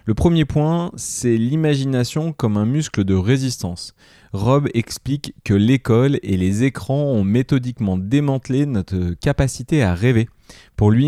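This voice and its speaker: A man's voice: mid-range voice, dark tone, dry recording, clean studio sound. French-accented man hosting a podcast. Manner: enthusiastic, hesitant when speaking English. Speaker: podcast host. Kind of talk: scripted podcast intro and interview.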